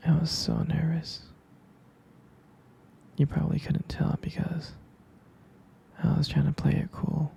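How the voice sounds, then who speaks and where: A man plays an obsessive young captor who keeps his lover locked away, speaking in a breathy whisper that is sweet on the surface and menacing underneath. His dark, gravelly, husky voice drags slowly through every line, heavy with vocal fry. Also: a little high, a little hiss or hum. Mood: fondly reminiscing. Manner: soft, coaxing, menacingly sweet. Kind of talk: whispered ASMR roleplay.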